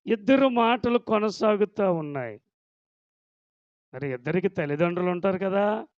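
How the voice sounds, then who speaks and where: A man's voice: sits high, animated, moderate pace, dry recording, lo-fi sound. A male pastor telling a story in a sermon, dramatic and acting out each character.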